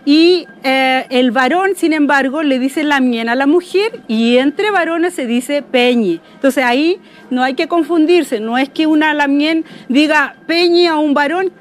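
A woman's voice: sits high, unhurried. A woman giving a spoken language lesson, patiently repeating each word and checking that listeners follow. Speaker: Mapuche language teacher.

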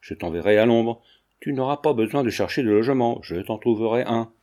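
A man's voice: medium pitch, animated, fairly quick, mellow, lightly acted. A man reading an audiobook, voicing a haughty countess who speaks curtly and scornfully. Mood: angry. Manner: curt, commanding, scornful. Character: furious haughty countess, middle-aged woman.

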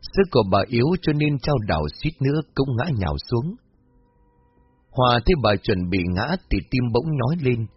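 Brief: male storyteller, husky, mid-pitched, dull lo-fi recording with faint music. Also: no room sound. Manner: steady, measured reading. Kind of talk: scripted horror story narration.

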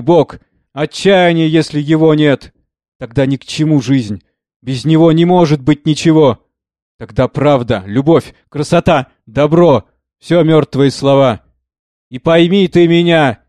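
A man's voice: a little high, unhurried, a little mellow, no echo, studio quality, voice pushed up, close to an everyday voice. A man reading the part of a tormented, impassioned man who trembles as he pleads. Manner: fervent, trembling.

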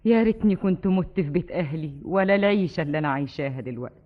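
An actress playing a worn-out, remorseful wife with an Egyptian accent, weary and urgent. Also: female voice, deep voice, animated, very fast. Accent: Egyptian Arabic. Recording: tinny narrow archive radio recording.

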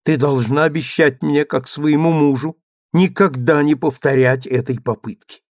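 A man's voice: fairly high pitch, steady tone, normal speed, no room sound, clean studio sound, lightly acted. A man reading the part of a stern, bitter young husband who speaks coldly and abruptly. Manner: cold, abrupt, rising to exasperation. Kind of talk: audiobook character reading.

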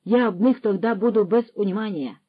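A woman's voice: medium pitch, a little fast, slightly rough, no echo, narrow, tinny audio, natural voice. A woman voicing a boastful, pushy young male ex-soldier who mixes Russian words into his speech, in a storybook reading. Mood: indignant.

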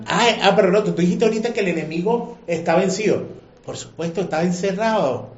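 A man teaching a religious class in an animated, emotional way, often firing questions at his listeners. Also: high-pitched, fairly quick. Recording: echoey room, muffled lo-fi sound.

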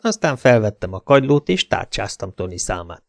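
A man's voice: fairly low pitch, big pitch swings, vocal fry, dry recording, studio quality. A man narrating a first-person audiobook in a laconic, wry way.

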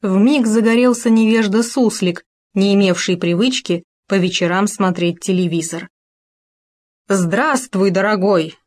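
A woman's voice: mid-range voice, steady tone, moderate pace, hardly any pauses, darkish tone. A woman narrating a children's animal story in a wry, playful way.

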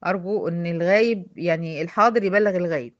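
A woman's voice: fairly low pitch, fast, muffled recording. A woman with an Egyptian accent teaching a recitation lesson, patiently quizzing her female students step by step. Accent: Egyptian Arabic.

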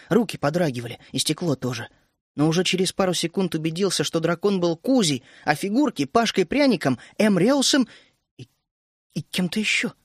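Male audiobook narrator, high-pitched, steady first-person storytelling, dead-dry booth. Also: dry recording.

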